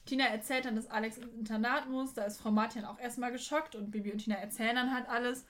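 Woman co-host, bright and a touch high, chatty sarcastic recap. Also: fairly even intonation, fast talker, slight background noise. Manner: chatty, sarcastic, laughs often. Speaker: podcast co-host recapping episodes. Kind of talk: casual chat.

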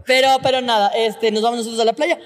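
A woman's voice: on the high side, fairly even intonation, fast talker, big-room sound. An Ecuadorian woman co-hosting a podcast in casual, teasing chat, laughing often. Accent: Ecuadorian Spanish. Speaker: podcast co-host.

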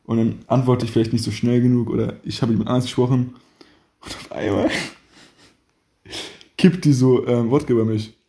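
A man's voice: medium pitch, steady tone, moderate pace, mellow. A young man chatting casually on a podcast, rambling with slang and laughing a lot. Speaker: podcast host.

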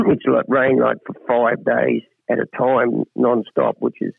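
A rural Australian man with a heavily creaky, gravelly voice and a laconic outback drawl. He gives casual, understated interview answers over a dull, lo-fi phone line. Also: mid-range voice, little pitch movement, a little slow. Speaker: cattle stud principal, phone-in interview guest.

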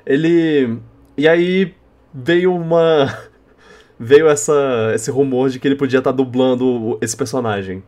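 A young man with a Brazilian Portuguese accent hosting a casual podcast, speaking in a halting, rambling way and often repeating words. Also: mid-range voice, darkish tone. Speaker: podcast host. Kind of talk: casual unscripted podcast chat.

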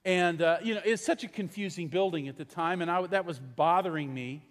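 A man's voice: high-pitched, a little fast. A middle-aged man, a pastor, preaching a sermon in a large church in a conversational, storytelling way and putting questions to the congregation. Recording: long reverb in a large church hall.

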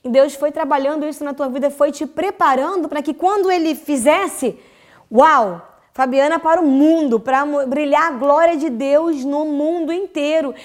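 A woman hosting a faith-based podcast chat, effusive and quick with interjections of praise. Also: sits high. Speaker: podcast host.

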